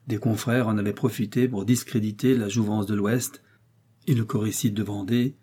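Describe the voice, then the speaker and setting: Husky-voiced male audiobook narrator. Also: on the low side, fairly even intonation, moderate pace, dark tone. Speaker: audiobook reader. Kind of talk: scripted narration.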